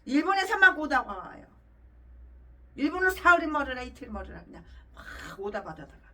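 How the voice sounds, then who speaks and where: A woman's voice: sits high, big pitch swings, brisk, bright, forceful tone, distant mic. A woman pastor preaching a fiery sermon, ranting angrily with scornful, profane insults.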